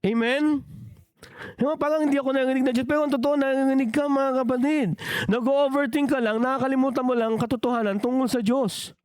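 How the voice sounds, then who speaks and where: A man's voice: extremely high pitch, fairly even intonation, fairly quick, darkish tone, no room sound, clean studio sound. A man preaching a bilingual sermon as pastor, often asking the congregation questions.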